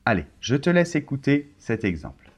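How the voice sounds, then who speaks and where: A man teaching a pronunciation lesson for learners, slow and deliberate, repeating words for them. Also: mid-range voice, sing-song. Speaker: French teacher.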